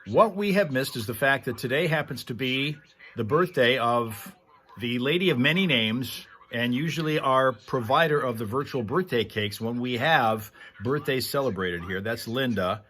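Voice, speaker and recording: A man with an average-pitched voice hosts a casual livestream over audible background noise. He talks to viewers in a rambling, conversational way, like someone telling stories as they come. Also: expressive, normal speed, fairly bright tone. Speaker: livestream host.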